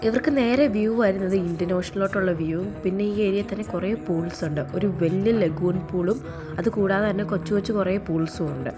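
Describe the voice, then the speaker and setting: A woman's voice: medium pitch, a little fast, music in the background. A woman gives casual travel vlog narration as a vlogger.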